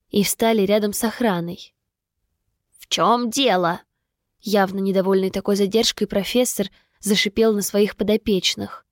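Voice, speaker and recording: A woman reading a first-person story aloud in an even, steady storytelling voice. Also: mid-range voice, dry recording, clean studio sound. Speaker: audiobook narrator. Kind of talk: scripted first-person narration.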